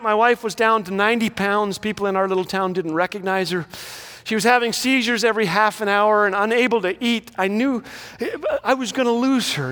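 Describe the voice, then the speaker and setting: High-voiced man, echoey hall. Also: bright, forceful tone. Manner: storytelling with comic timing. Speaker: graduation speaker. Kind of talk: humorous inspirational speech.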